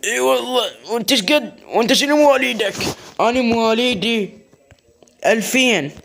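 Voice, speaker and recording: Man, Iraqi Arabic accent, high voice, improvised comedy role-play, hesitant, repetitive phrasing. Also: brisk, vocal fry, a bit bright. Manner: hesitant, repeats words and phrases. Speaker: comedy skit performer narrating game play. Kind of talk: improvised comic role-play skit, voicing several characters.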